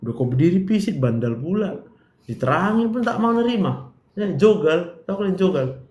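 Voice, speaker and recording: A man's voice: high-pitched, animated, moderate pace, darkish tone, muffled recording. A man lecturing a medical class, firing questions at students, teasing them and joking bluntly. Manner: quizzing students, joking, brash direct address. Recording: roomy echo, faint room noise.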